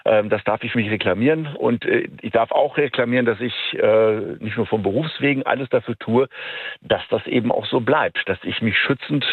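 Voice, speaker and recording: Brief: male guest over a phone line, gravelly and husky, halting delivery. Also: medium pitch, no room sound. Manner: halting, many fillers and restarts. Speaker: radio discussion guest.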